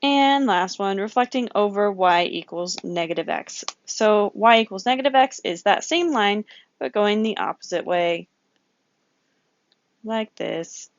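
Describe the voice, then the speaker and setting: A woman's voice: mid-range voice, expressive, unhurried, no echo, muffled recording. A woman teaching a recorded geometry lesson, working problems aloud, counting grid squares and correcting herself as she goes. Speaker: math teacher.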